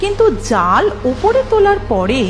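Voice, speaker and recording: A woman's voice: very high voice, big pitch swings, moderate pace. A woman narrating a scripted story as the storyteller. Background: music.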